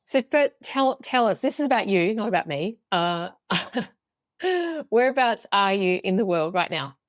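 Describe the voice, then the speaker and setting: A woman's voice: mid-range voice, sing-song, a little slow, no echo. A woman hosting a podcast interview, speaking in an enthusiastic, upbeat way. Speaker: podcast host.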